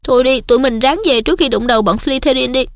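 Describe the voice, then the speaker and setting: A woman voicing an anxious, high-strung teenage schoolgirl in an audiobook. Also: quick pace, fairly bright tone, no echo, clean studio sound. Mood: upset. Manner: fretful, high-strung, insistent.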